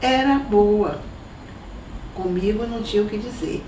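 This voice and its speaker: An older woman from Salvador, recalling her family in an oral history interview at an unhurried pace. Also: mid-range voice, far from the mic. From Salvador, Brazil. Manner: reminiscing, unhurried, with soft laughs. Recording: echoey room, voice from off mic, faint noise.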